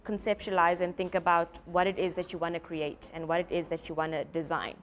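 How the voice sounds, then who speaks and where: Woman interviewing, lowish voice, keeps saying yeah. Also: level tone, brisk, a bit bright, a little hiss or hum. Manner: encouraging, frequent "yeah" backchannels. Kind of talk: interview questions.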